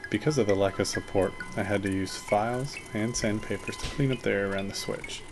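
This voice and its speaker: A man's voice: fairly low pitch, brisk, music in the background. A man giving a casual, matter-of-fact voice-over for a how-to video, explaining each step plainly. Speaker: maker narrating a how-to video. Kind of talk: casual scripted tutorial voice-over.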